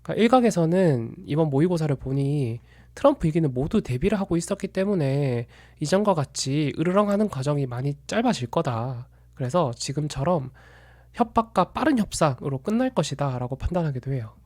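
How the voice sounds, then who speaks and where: A man calmly walking through his own view of markets in a solo commentary, measured and analytical, sometimes stopping to correct himself. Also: fairly high pitch, dry recording. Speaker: investment commentator.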